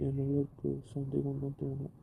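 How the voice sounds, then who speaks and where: A man's voice: mid-range voice, completely flat delivery, moderate pace, vocal fry, dark tone, a little hiss or hum. A man talking with his wife in a casual couple conversation, in a pleading, affectionate way. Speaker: husband.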